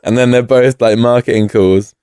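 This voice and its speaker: A man's voice: medium pitch, steady tone, moderate pace, warm tone, clean tone. A man co-hosting a podcast, chatting casually and rambling with fillers and laughs. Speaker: podcast co-host. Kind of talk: casual chat reviewing a cartoon episode.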